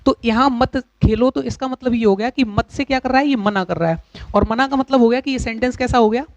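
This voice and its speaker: A man teaching English grammar in a lecture, explaining patiently with pauses and repeated examples. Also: very high-pitched, gravelly, no echo. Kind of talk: classroom lecture. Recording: dull, dry lo-fi recording.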